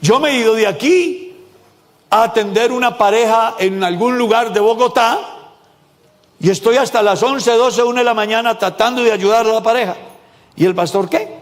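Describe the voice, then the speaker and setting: At normal speed, a pastor from Colombia delivers a sermon in church, his high voice carrying a long, ringing echo from the hall. He cracks jokes and puts questions to the congregation along the way.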